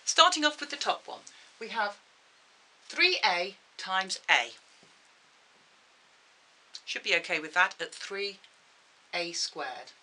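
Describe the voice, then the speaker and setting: Bright-voiced woman teaching maths. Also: mid-range voice, low-quality recording. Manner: patient, step-by-step explaining; checks in with viewers. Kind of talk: video maths lesson.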